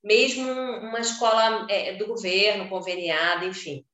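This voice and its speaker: Bright-voiced Carioca woman, animated. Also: unhurried, reverberant. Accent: Carioca Brazilian Portuguese. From Rio de Janeiro, Brazil. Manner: animated, swooping pitch when telling stories. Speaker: podcast co-host. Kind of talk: casual chat.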